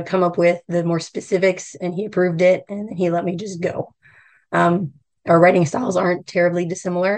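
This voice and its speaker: Hoarse woman with a croaky frog voice. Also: on the low side, a little mellow. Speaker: interview guest, novelist. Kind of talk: casual interview.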